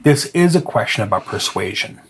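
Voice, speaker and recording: A man's voice: lowish voice, very animated, brisk, fairly bright tone, a little hiss or hum. A man from northern Michigan co-hosting a podcast, talking things through in long, thoughtful, hesitant sentences. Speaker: podcast co-host. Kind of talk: casual discussion.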